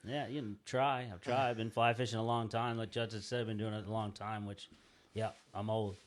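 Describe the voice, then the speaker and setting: A man in his fifties, a fishing guide, joins a podcast as a guest in a studio. He speaks in a low voice and keeps a laid-back, self-deprecating tone with dry humor. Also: flat delivery, brisk. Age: 50s. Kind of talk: casual interview chat.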